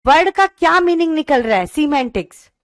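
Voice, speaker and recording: A woman teacher giving an online class, explaining slowly and reading questions out word by word. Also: sits high, lively intonation, no room sound, studio quality. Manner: calls students "beta", mixes English into talk.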